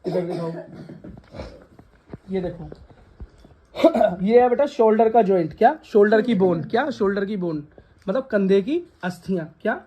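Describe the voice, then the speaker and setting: With a medium-pitched, animated voice, this woman teaches science a little slowly, pausing often as her students echo back her repeated questions. She calls them "beta" and scolds those who laugh, all on a lo-fi recording made in the classroom.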